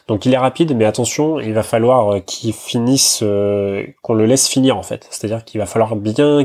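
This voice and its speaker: A man runs through his racing tips in an easygoing, conversational podcast style. He hesitates often and speaks straight to the listener. His voice sits low and sounds warm and relaxed. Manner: chatty, informal, many fillers and asides to the listener. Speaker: horse racing tipster. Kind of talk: casual podcast analysis.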